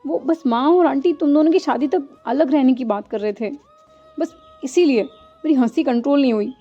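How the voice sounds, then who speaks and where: Woman reading a teasing young guy; mellow, lo-fi with faint music. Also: sits high, normal speed, lightly acted. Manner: teasing, laughing. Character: gently teasing young man, Liya's friend.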